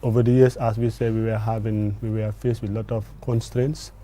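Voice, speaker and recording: A man giving formal, deliberate interview answers as an official guest. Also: fairly low pitch, level tone, dark tone, slight background noise. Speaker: education ministry guest.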